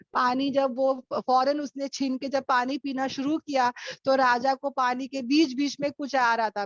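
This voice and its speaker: A woman with a high voice teaching a religious class over an online call and telling stories as she goes. She keeps calling her listeners sisters and asking them rhetorical questions. The sound is dull, dry, lo-fi call audio. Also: no echo. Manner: mixes English phrases into her talk. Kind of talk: lecture with storytelling. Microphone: online video call.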